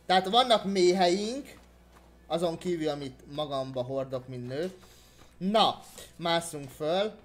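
A man's voice: a little high, expressive. Playful man narrating a video game. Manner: playful, talks to game characters, sudden loud exclamations. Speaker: let's play gamer. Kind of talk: let's play commentary.

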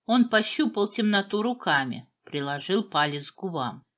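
Expressive woman reading a children's tale. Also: mid-range voice, normal speed. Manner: expressive, dramatic storytelling. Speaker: audiobook narrator. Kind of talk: children's storybook narration.

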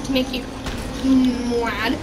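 A woman's voice: fairly high pitch, level tone, drawn-out words, distant mic. A young woman playing a video game with a friend, teasing him and singing misheard lyrics. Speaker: gaming partner. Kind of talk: casual co-op gaming chat. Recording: noisy home gameplay recording.

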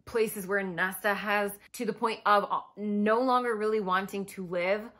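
A woman's voice: mid-range voice, steady tone, measured pace, a bit bright. A woman giving a casual spoken book review, emotional and fired up with enthusiasm.

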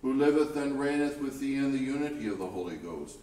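Solemn priest far off in an echoey church. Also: male voice, mid-range voice, lively intonation, dark tone. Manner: solemn, measured recitation of set prayers. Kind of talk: leading a church liturgy.

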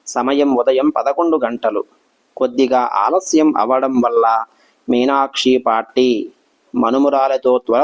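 A man narrating a devotional story in a steady, measured way. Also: mid-range voice, muffled recording.

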